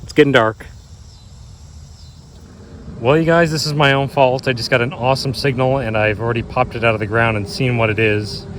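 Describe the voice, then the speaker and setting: A man in his thirties with a medium-pitched voice talks like an excited treasure hunter showing finds to his viewers. His delivery is casual and full of marveling exclamations. He is recorded outdoors, with faint insect and vehicle noise behind him. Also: moderate pace, long pauses. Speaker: metal detecting treasure hunter, vlogger. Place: outdoors in grassy and wooded areas.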